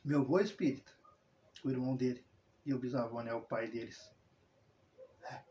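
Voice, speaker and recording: This man has a mid-range voice with a dark tone, keeping his tone steady and his pace moderate, while a little hiss or hum colors the dull lo-fi audio. A religious video host from southern Brazil, he rambles through a casual personal monologue full of tag questions and self-corrections.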